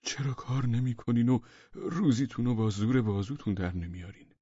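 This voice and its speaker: Deep-voiced man putting on a higher, shaky homeowner, indignant, husky and a bit muffled. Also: warm tone, no echo, close to an everyday voice. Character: nervous, indignant middle-aged male homeowner.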